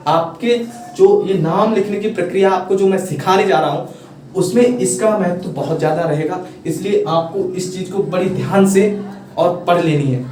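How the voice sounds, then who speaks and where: A man with a fairly high voice gives a patient, step-by-step online lesson, circling back over each point and checking that his viewers keep up. He sounds a little away from the mic in an echoey room, with faint noise behind him. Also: normal speed, darkish tone, far from the mic. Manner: patient, repetitive explaining with rhetorical checks. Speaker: English teacher.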